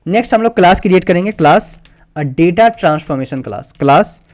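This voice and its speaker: A man's voice: high voice, lively intonation, a little fast. A man teaching a coding tutorial, patiently explaining each step and reading code aloud as he types it, with English terms mixed into his speech. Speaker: tutorial instructor. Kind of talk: screen-recorded coding tutorial.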